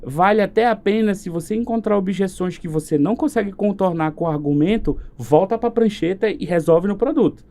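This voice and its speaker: A man with a Brazilian accent, a marketing specialist chatting casually on a podcast, animated and acting out quoted exchanges. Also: sits high, a little fast, hardly any pauses. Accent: Brazilian Portuguese.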